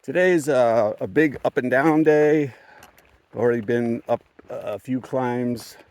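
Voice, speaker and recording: Slow and darkish, with a medium pitch, this man is a thru-hiker filming his hiking vlog outdoors on a mountain trail. His story comes out casually and ramblingly, punctuated by chuckles and frequent self-correcting restarts.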